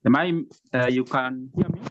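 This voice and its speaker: A man's voice: medium pitch, moderate pace, fairly bright tone. A man from Kenya, an adjunct lecturer, introducing himself politely on a video call. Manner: polite, courteous. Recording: dull lo-fi call audio.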